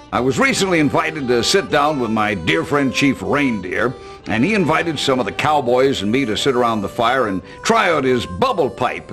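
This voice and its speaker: Man doing a bumbling, earnest snouted creature for a kids' cartoon, eager to please, gravelly at times. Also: medium pitch, a bit bright. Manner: earnest, fumbling, eager to behave well. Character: bumbling, polite male creature with a big snout.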